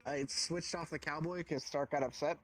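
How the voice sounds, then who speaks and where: A man's voice: on the high side, steady tone, normal speed, fairly bright tone, no room sound, faint music behind. Laid-back man with an Alabama drawl. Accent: Southern US (Alabama). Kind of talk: casual out-of-character chat.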